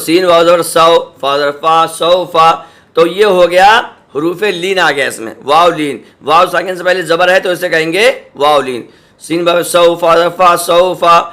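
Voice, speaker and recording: A man gives a Quran reading lesson in a bright, clear, somewhat high voice. He spells out letters and syllables slowly, stretches the vowels, and keeps asking whether the students understand. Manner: patient, repeats syllables slowly and drawn out; checks in with "samjhe?" and "theek hai".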